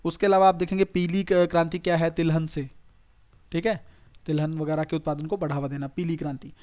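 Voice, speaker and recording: A man's voice: a little high, fairly even intonation, brisk, a little mellow. A man, teaching a recorded online exam-prep lecture. He talks straight to his students in a chatty, repetitive way. He keeps checking that they follow and tells them to note things down. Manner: conversational, repetitive teaching with frequent "okay" checks.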